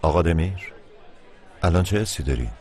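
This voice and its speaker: A man voicing a calm, reassuring hospital doctor in a dubbed film. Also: low voice, some chatter behind.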